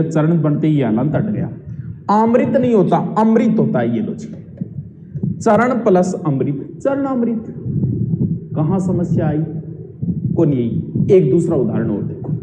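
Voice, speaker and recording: A man's voice: high-pitched, warm tone, slight background noise. A man teaching a grammar lesson, explaining step by step and asking the class questions as he goes. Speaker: Hindi teacher. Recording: echoey dull room audio.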